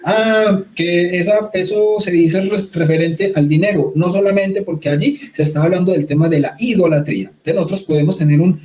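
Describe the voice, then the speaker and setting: A man with a Colombian accent teaching in an interview, animated, asking rhetorical questions. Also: high voice, moderate pace, hardly any pauses, a little hiss or hum. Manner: animated, rhetorical questions, mock-quotes others. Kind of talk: conversational teaching. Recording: slightly muffled sound.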